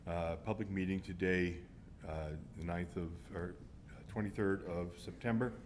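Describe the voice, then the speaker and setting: A man giving a formal planning presentation to a council, halting often as he goes. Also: steady tone. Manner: halting, with frequent pauses and hesitations. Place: council meeting room. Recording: rumbly background room noise.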